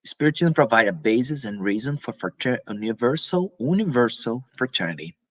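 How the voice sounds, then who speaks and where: Delivering a spiritual talk, this man from Brazil speaks in a mid-range voice, haltingly and informally. He frequently restarts, tacks on tag questions, and coughs occasionally.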